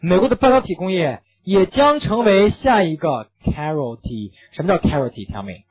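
A man teaching an English reading lesson, animated and full of rhetorical questions, slipping English phrases into his lecture. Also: sits high, normal speed, breathy edge. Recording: tinny phone-like recording.

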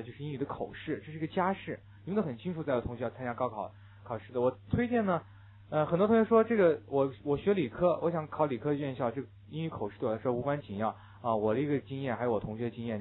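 A male English teacher giving a classroom lecture, repeating English words slowly for his students to read along. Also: medium pitch. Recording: narrow phone-like lo-fi sound.

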